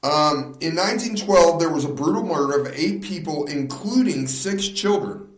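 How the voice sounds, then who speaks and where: A man's voice: fairly high pitch, lively intonation, normal speed. A man hosting a casual podcast, reading out a true crime story with frequent laughs and stumbles over words. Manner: laughs often, slips on words and restarts. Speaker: podcast host. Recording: echoey room.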